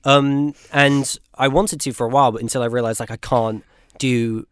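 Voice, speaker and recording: A man's voice: mid-range voice, steady tone, normal speed, fairly bright tone, smooth, no room sound, clean studio sound. An eighteen-year-old man co-hosting a podcast in casual chat, rambling with many restarts and frequent laughs. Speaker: podcast co-host.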